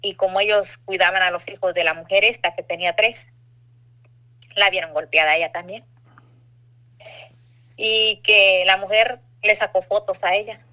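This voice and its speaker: A middle-aged woman tells her story in an earnest, confessional way. Her voice is bright and sits at an ordinary pitch for a woman. She voices the other people in her story as she goes. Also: steady tone, moderate pace, pauses often, poor audio. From Mexico. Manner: earnest, confessional, acts out dialogue. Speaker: testimony speaker. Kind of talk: personal testimony.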